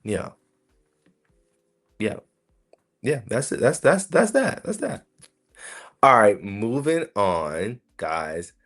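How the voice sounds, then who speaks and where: A young man from South Carolina hosts a solo podcast in a low, deep voice. He rambles casually and keeps turning to address his listeners directly. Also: sing-song, takes it slowly, long pauses, a bit bright. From South Carolina, USA. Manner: chatty, rambling, frequent asides to listeners. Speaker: podcast host.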